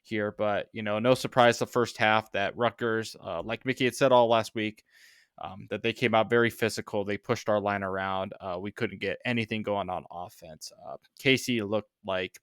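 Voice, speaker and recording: A man's voice: fairly low pitch, a bit bright, clean tone, no room sound, studio quality. A man co-hosting a casual sports podcast, rambling through his points with lots of fillers and a sarcastic edge. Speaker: podcast co-host.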